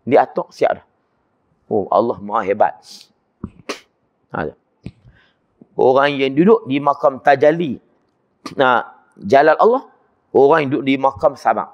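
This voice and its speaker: A man's voice: measured pace, pauses often. Kedah malay guy preaching in a mosque, repeats himself, rhetorical questions, muffled recording. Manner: repetitive, rhetorical questions, animated swings in pitch. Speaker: religious teacher. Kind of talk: mosque lecture sermon.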